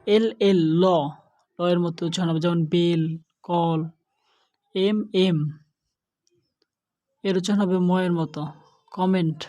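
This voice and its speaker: Woman teacher, kinda low voice, talks real slow n careful. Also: fairly even intonation, warm tone. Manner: slow, careful listing of letter pairs. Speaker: English teacher. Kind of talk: slow spoken lesson.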